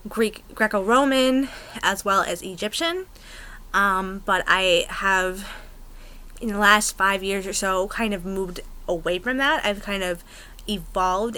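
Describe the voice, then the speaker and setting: A young American woman talks straight to her camera in a rambling, chatty way, full of ums and small bursts of excitement. Her voice is bright and clear, at a middling pitch. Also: rough recording. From United States. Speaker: pagan vlogger. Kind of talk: casual chat to camera.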